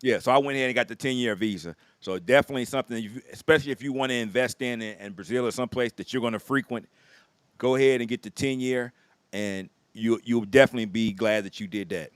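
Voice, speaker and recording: A man's voice: mid-range voice, quick pace, no room sound. A man hosting a casual chat in an easygoing way, often affirming his guests. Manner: easygoing, affirming with frequent yeahs. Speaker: host.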